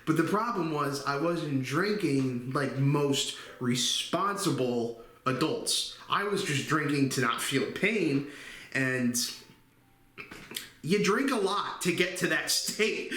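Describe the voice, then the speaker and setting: A man's voice: on the high side, lively intonation, a bit bright, slight background noise. Candid young man in echoey room. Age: 20s. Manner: candid, halting, many fillers. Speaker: channel host. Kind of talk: personal confessional vlog.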